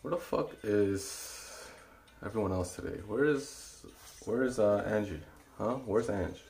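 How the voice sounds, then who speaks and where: A young man with a low, gravelly voice chats loosely with his stream audience between sets. He is out of breath from exercising, and his talk comes out relaxed and rough around the edges. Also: a little slow. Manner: talks to chat while exercising, counting reps under his breath. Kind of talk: casual live-stream chat during a workout.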